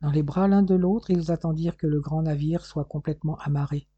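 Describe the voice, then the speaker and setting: A man reads a novel aloud in calm, measured narration. His voice sits a little high but sounds very dark, mellow and husky. The recording is dry and slightly dull, with no room sound. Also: dry recording. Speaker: audiobook narrator. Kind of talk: scripted narration.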